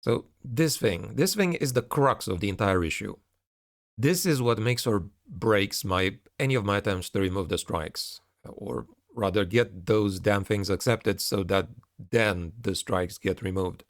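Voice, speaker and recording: A man's voice: fairly low pitch, a little slow, no room sound, studio quality. A man giving a casual video update, reading out messages and commenting on them, often repeating and restarting his phrases.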